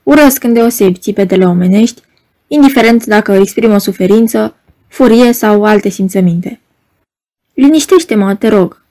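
A woman reading an audiobook, voicing a nervous, gentle male hospital patient who hates noise and pleads fussily. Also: sits high. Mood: anxious. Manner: pleading, fussy, easily alarmed. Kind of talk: audiobook character voice.

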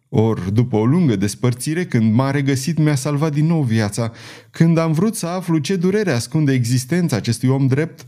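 A man reading an audiobook, voicing a gentle and devoted young woman who speaks tenderly and pleadingly. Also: mid-range voice, close to an everyday voice.

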